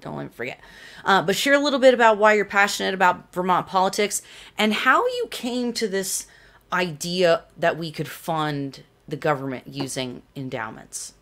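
A woman's voice: lowish voice, big pitch swings, normal speed, a bit bright. A woman in her thirties hosting a casual livestream talk show from a small home studio, chatty and greeting viewers by name. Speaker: show host. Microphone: desk condenser mic.

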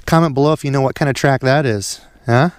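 Filmed on a head-mounted action camera as he fishes from a pond bank, a young man from Iowa, USA, talks fast in a clean, medium-pitched voice. He's a fishing vlogger whose chat is casual, upbeat, and full of folksy sayings.

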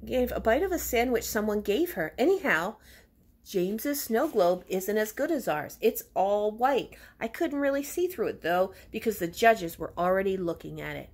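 A woman's voice: mid-range voice, very animated, moderate pace, pitched above the performer's own voice. A woman reading a boastful schoolgirl. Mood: chatty.

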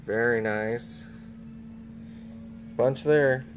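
Slow-talking man touring an auction floor. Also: mid-range voice, a little hiss or hum. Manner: unhurried, casual item-by-item commentary. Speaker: auction house preview host. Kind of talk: walkthrough auction preview. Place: large indoor warehouse auction floor. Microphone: handheld phone camera.

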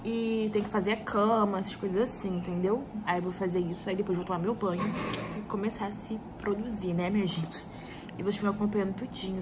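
A young Brazilian woman talks casually to her vlog viewers at a middling pitch. She is wearing a retainer, which gives her words a slight lisp. The phone recording picks up clear room noise behind her. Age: 20s. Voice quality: slightly lisping speech from wearing a removable retainer. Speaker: vlogger. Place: small bedroom and tiled kitchen indoors.

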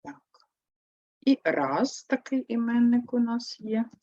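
A woman teaching a primary school language lesson, explaining step by step in a slow, clear manner and answering her own prompts. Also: a little high, lively intonation, warm tone, no echo. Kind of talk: online lesson for young pupils. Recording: dry, slightly dull sound.

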